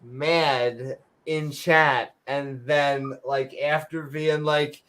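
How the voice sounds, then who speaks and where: A woman whose voice sits low and who draws out her words co-hosts a podcast in casual chat. She's an animated storyteller, joking around and swearing freely.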